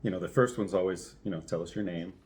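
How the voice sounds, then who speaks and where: A man's voice: low voice, steady tone, quick pace, a little mellow. A man talking casually in a personal vlog, telling anecdotes and thinking aloud with some hesitation. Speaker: vlogger, first-time ice bath participant.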